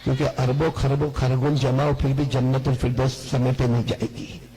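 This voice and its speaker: A man preaching a lively storytelling sermon to a large seated gathering, calling on the crowd to answer back. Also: mid-range voice, normal speed, rough recording. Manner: calls on the crowd to answer back, repetitive and animated.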